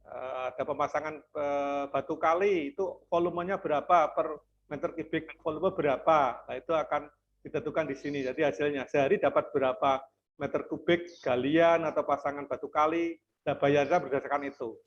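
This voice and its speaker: A man's voice: fairly high pitch, fairly even intonation, moderate pace, slight background noise. A man giving an HR training webinar over a video call, explaining step by step and addressing his listeners politely, while his audio glitches and breaks up. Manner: explanatory, addresses audience as Bapak Ibu. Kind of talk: online webinar lecture. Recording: dull lo-fi video call line.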